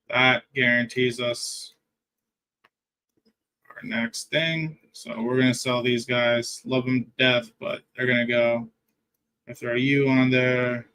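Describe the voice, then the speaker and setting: A man's voice: mid-range voice, fairly bright tone. A young man streaming a game, chatting casually and thinking aloud as he plays. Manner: rambling, thinks aloud while playing. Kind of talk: casual gaming stream chat.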